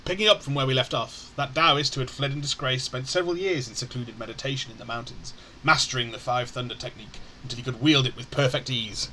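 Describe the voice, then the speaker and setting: Bright-voiced man reading game lore. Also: medium pitch, fast talker, hardly any pauses, slight background noise, poor audio. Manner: stumbles and corrects himself, self-mocking. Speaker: streamer.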